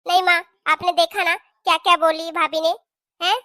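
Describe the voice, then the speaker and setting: A sharp-tongued young sister-in-law who complains and argues indignantly, as a woman voices her for a cartoon. The tone is very high and bright, recorded dry and close. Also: flat delivery, normal speed, dry recording. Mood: grumbling. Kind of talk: cartoon voice acting.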